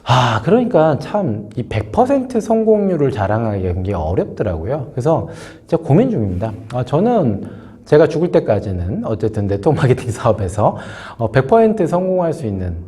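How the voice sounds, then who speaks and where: Talking to camera with a cold-sore throat, this male host delivers a casual business lesson peppered with fillers and side remarks. He speaks at medium pitch with huge swings, a bit quickly and warmly.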